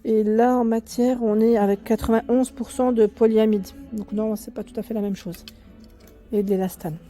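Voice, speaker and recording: A woman's voice: a little high, level tone, moderate pace. A woman vlogger chatting her way through a clothing store, correcting herself often and speaking up over the store's music. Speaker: fashion vlogger. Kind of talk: casual in-store clothing walkthrough. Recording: faint store music behind. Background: loud in-store music.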